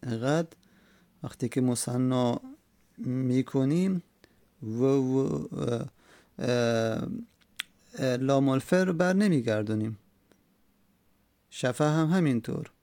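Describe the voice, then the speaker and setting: Gravelly-voiced man teaching grammar. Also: mid-range voice, mellow, no echo. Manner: slow and repetitive, with many hesitations. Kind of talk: explaining a grammar text.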